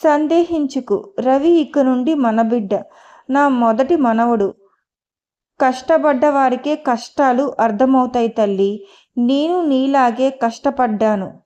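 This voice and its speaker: A woman voicing a kind older mother who soothes and welcomes, her voice high yet mellow and unhurried. She speaks gently and tenderly, like a mother blessing a new daughter-in-law. The audiobook sound is muffled and lo-fi. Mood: warm, tender. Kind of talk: audiobook character dialogue.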